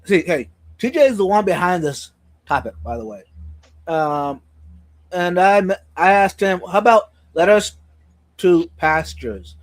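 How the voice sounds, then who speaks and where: High-voiced man, slightly sore-tongued speech. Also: a little slow, no echo, poor audio. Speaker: live stream co-host. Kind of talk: casual live stream chat.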